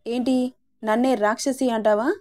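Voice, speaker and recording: A quarrelsome young woman with a sharp tongue, always scolding, as a woman reader voices her. Her voice is fairly high and mellow. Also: steady tone, normal speed, close to an everyday voice.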